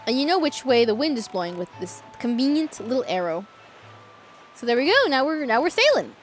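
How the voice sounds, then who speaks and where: High, lively woman streamer with vocal fry. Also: brisk. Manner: playful, chatty, reacting to viewers. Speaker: game streamer. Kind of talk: casual livestream chat over gameplay. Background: game music.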